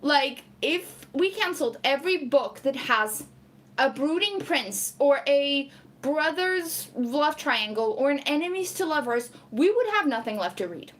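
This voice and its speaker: A woman's voice: high voice, animated, measured pace. A young Portuguese woman, English not her first language, chatting casually on a stream, reading comments and laughing often. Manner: chatty, laughs a lot, lots of "like" fillers. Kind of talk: casual live chat.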